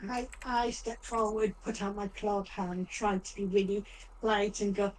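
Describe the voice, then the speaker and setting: A woman's voice: medium pitch, flat delivery, moderate pace, a little mellow, a little hiss or hum, poor audio. A woman taking part as a player in a tabletop role-playing game, speaking earnestly for her character.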